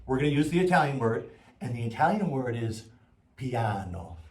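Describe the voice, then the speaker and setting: A man's voice: medium pitch, quick pace, a little mellow, roomy sound, recorded from a distance. A man teaching a music class and coaxing pupils to repeat words after him. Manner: upbeat, coaxing call-and-response. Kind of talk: follow-along class lesson.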